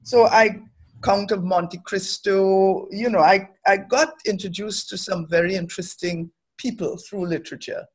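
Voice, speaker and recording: In a husky, medium-pitched voice that moves a little slowly, a middle-aged woman from Trinidad reflects thoughtfully and earnestly as an interview guest. She works as an academic and development professional.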